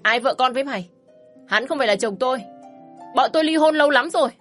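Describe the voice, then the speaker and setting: A woman voicing a fiery, fed-up divorced young mother who talks sharp and scornful and shouts in anger in a storybook reading. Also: medium pitch, brisk, faint music behind, natural voice. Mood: screaming. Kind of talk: storybook narration.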